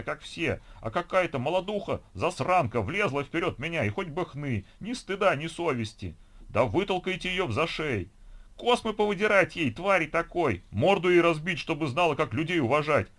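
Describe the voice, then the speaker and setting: A man's voice: fairly high pitch, expressive, moderate pace, few pauses, a bit bright, voice pushed up. A man voicing an angry old male veteran ranting shrilly in a queue. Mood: furious ranting.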